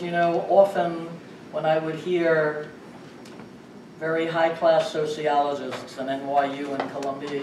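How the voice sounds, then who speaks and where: A man's voice: on the high side, recorded from a distance. Emphatic man lecturing in an echoey room. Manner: emphatic, asks the audience rhetorical questions. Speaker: lecturer at a public symposium. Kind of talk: public lecture. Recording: echoey room recorded from afar, faint noise.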